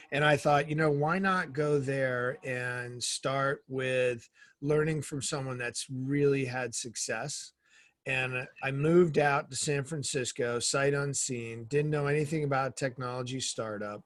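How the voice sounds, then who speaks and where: A middle-aged man, a guest in an interview, telling energetic stories and acting out the dialogue in them. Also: medium pitch, no room sound, studio quality. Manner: energetic storyteller who acts out quoted dialogue. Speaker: guest, former Navy SEAL and author. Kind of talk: casual interview storytelling.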